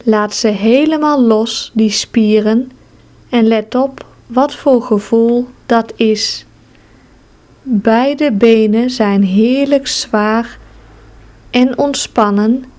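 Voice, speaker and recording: Slow, soothing woman guiding relaxation. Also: on the high side. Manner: slow, calm, soothing instructions with long pauses. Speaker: relaxation guide. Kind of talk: guided progressive muscle relaxation.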